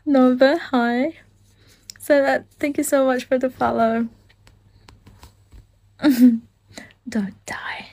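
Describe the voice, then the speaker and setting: This young woman from the Philippines, speaking with a Filipino accent, has a high, darkish voice with fairly even intonation. She goes very slowly with long pauses, gushing and giggling as she reads comments and thanks viewers on an indoor live stream, phone close at arm's length.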